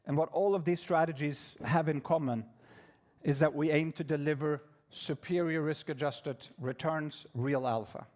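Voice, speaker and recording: Man presenting to investors, slightly high. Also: fairly even intonation, a little mellow. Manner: measured, with frequent fillers and restarts. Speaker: executive presenting at investor event. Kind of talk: prepared corporate presentation. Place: conference room.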